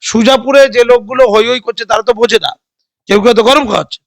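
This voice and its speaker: A man delivers heated political commentary in a very high, fast voice. He is sarcastic and combative, firing rhetorical questions at his listener. The recording is dry and close. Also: gravelly, dry recording. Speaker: political interviewee.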